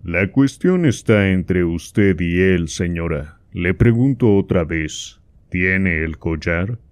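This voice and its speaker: A man's voice: deep voice, animated, slow, smooth, dry recording. A man reading as a stern king.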